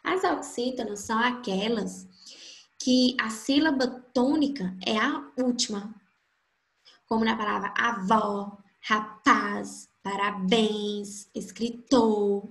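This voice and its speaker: A woman teaching a grammar lesson, slowly stretching out each example word to show its stressed syllable. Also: a little high, creaky, fairly bright tone, reverberant. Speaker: Portuguese teacher.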